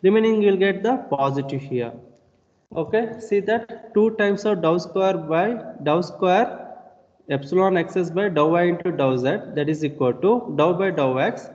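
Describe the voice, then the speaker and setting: A high-voiced man teaches an engineering class over a video call. He explains step by step, keeps asking rhetorical questions, and repeats himself as he goes. The audio is dull and lo-fi, with a long, hall-like reverb. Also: normal speed, darkish tone. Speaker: lecturer. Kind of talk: online engineering lecture.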